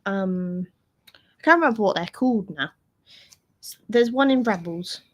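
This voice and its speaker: A woman's voice: medium pitch, lively intonation, a little slow. Chatty woman recapping a show. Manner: chatty, many "like" fillers and quoted lines. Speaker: podcast co-host. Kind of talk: casual fan recap chat.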